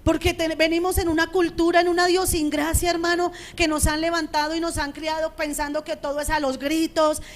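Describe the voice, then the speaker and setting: A middle-aged woman pastor preaching a sermon in a conversational way, often checking in with her listeners, with a strong, loud voice. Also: very high-pitched, flat delivery, brisk, few pauses. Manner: conversational preaching, frequent rhetorical checks with the congregation. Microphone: radio studio microphone.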